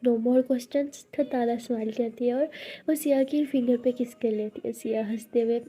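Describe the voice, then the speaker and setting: Woman, casual story narration, conversational, very mellow, breathy husky voice. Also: fairly high pitch, fairly even intonation, normal speed. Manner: plain, conversational retelling.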